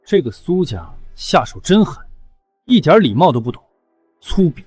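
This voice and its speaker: An actor playing an arrogant spoiled young heir from a rich family who sneers at villagers. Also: male voice, a little high, sing-song, moderate pace, darkish tone, husky, no echo, soft background music. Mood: sneering. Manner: sneering, then panicked. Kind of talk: short drama acting.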